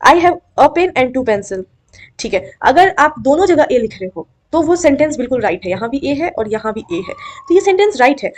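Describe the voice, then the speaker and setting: A woman's voice: high voice, a little mellow. A young woman teaching an exam-prep grammar lesson, coaxing and checking often that students follow. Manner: coaxing, repeatedly checks understanding.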